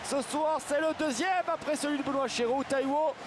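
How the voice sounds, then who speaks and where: A man delivering excited live play-by-play commentary on a football match. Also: very high voice, normal speed. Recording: clear stadium background noise. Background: stadium noise.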